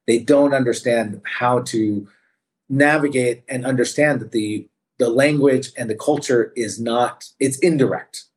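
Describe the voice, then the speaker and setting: A man's voice: medium pitch, unhurried. A man speaking as an interview guest about managing staff, telling anecdotes in a thoughtful, conversational way. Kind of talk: reflective storytelling in conversation.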